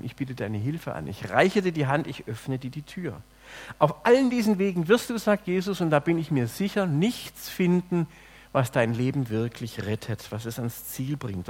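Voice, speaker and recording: A man preaching a sermon, swinging between loud emphatic lines and soft, low, hushed phrases. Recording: long hall reverb.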